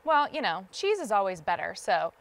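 A woman from the States, a guest on a TV shopping show, warmly listing ingredients and gushing over her family's food in a studio kitchen. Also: mid-range voice, big pitch swings, normal speed. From Southern United States. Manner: enthusiastic, lists ingredients, gushes over the food.

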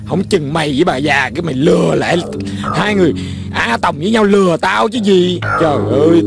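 A man playing a suspicious accomplice in a comedy sketch, with a scoffing, quick-witted manner. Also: high-pitched, vocal fry. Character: suspicious young male accomplice. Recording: faint music behind.

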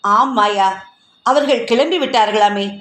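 A woman voicing a gentle, caring older uncle who speaks in a soft, concerned tone, in an echoey room. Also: a little high, unhurried.

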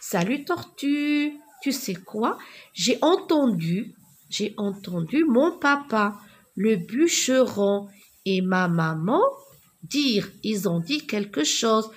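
A woman's voice: mid-range voice, big pitch swings, takes it slowly. A woman reading the lines of a small boy from a storybook tale in a slightly raised, lilting voice. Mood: earnest.

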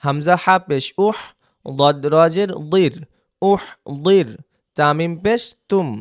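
A man gives a reading lesson on Arabic letters, sounding out each syllable and repeating it several times. His voice sits a little high and he speaks very slowly, pausing to check that his students are following. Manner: slow, drilling syllables one by one, asking "ঠিক আছে?". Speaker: Quran reading teacher. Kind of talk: online recitation lesson.

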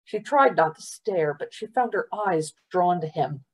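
A woman's voice: fairly low pitch, expressive, measured pace, a little mellow, husky, low-quality recording. A woman, a library storytime reader, steadily narrating a children's novel aloud.

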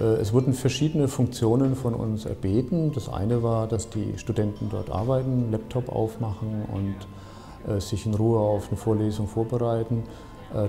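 Dark-voiced architect, measured and hesitant. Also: male voice, fairly low pitch. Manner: measured, thoughtful, frequent hesitations. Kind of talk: documentary interview. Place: bright office, seated at a desk.

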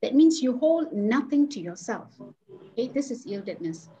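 A woman's voice: on the high side, big pitch swings, normal speed, mellow, a little hiss or hum, rough recording. A woman leading a devotional Bible study over a video call, speaking hesitantly with many fillers and restarts.

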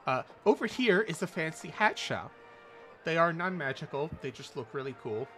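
A man narrating a tabletop game casually as game master, describing scenes in halting pieces. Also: fairly high pitch, big pitch swings, a bit bright, faint music behind.

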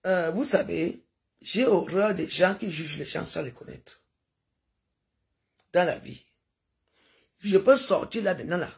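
A woman's voice: lowish voice, animated, unhurried, creaky, pauses often, darkish tone. An older woman chatting to her viewers in a rambling, digressive livestream monologue, sprinkling in sound-effect noises.

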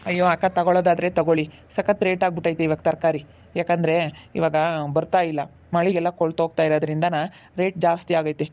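A woman's voice: on the low side, flat delivery, fast, darkish tone, dull audio, natural voice. A woman playing a defensive male vegetable seller, pleading with customers.

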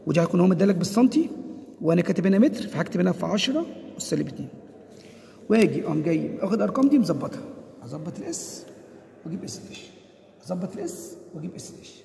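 A fast-talking man with an Egyptian accent, teaching at a breakneck clip in a gravelly, mellow voice. He fires off rhetorical questions and answers them himself, driving each point home by repetition. The sound is roomy, with a long reverb behind it. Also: sits high, slight background noise. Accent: Egyptian Arabic. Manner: drills key points by repeating them. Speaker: physics teacher. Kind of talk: exam-prep lesson. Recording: echoey room with long reverb.

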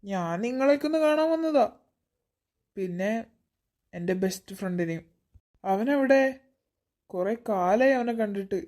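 A woman voicing a teenage boy in a cartoon, speaking calmly and reassuringly, with soft teasing. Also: mid-range voice, normal speed, long pauses, lightly acted. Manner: calm, reassuring, softly teasing. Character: calm teenage boy returned after an accident. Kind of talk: cartoon voice acting.

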